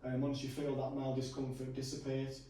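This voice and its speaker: In a gym, a male personal trainer calmly walks a client through stretches, giving relaxed, reassuring instructions with frequent fillers. His medium-pitched voice is brisk and going a little hoarse, captured from a distance in an echoey room with slight hiss or hum.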